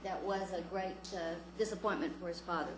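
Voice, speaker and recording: A woman's voice: fairly low pitch, fairly even intonation, fairly quick. An older woman, a county commissioner, making informal remarks at a public meeting. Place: indoor government meeting chamber. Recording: echoey room with clear background noise.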